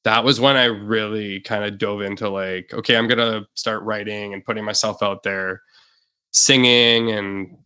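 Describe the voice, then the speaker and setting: With a smooth, lowish voice at a moderate pace, this young man from Canada appears as a musician guest on a podcast. He chats in a relaxed, rambling way, full of filler words, in a casual interview.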